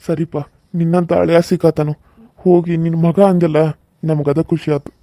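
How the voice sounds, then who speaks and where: A man voicing an elderly village father in a cartoon serial, speaking in a slow, emotional, folksy way with a North Karnataka Kannada accent. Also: a little high, flat delivery, mellow, dry recording, studio quality, close to an everyday voice. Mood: grateful.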